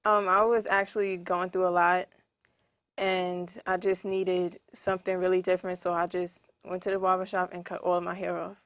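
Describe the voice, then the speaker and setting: Young woman guest, soft and hesitant, low even pitch, dry. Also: moderate pace, no room sound. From New York. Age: young adult. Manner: soft-spoken, hesitant, many ums. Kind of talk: casual interview answers.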